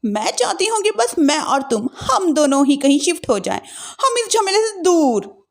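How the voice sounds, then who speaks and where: Woman acting a high, bossy young sister-in-law. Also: sing-song, moderate pace, creaky, heavily acted. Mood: demanding. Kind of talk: acted family-drama storytelling.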